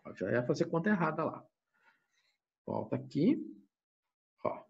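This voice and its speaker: A man's voice: on the high side, sing-song, measured pace, gravelly, highs cut off. Brazilian man thinking aloud through math. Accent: Brazilian Portuguese. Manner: thinks aloud, asks and answers his own questions; frequent tag questions. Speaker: university math teacher. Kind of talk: lecture walking through a calculation.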